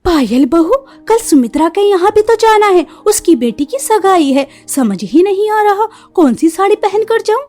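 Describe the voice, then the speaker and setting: A woman's voice: very high-pitched, very animated, normal speed, few pauses, warm tone. A woman voicing a bossy, short-tempered older mother-in-law in a cartoon story, who talks in scolding, commanding tones. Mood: sweet.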